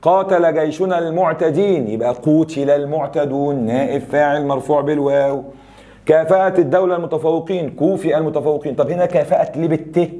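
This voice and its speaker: Warm-voiced Egyptian male teacher. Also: fairly high pitch. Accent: Egyptian Arabic. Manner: lively explaining, drilling rules and asking quick questions. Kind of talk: classroom grammar review.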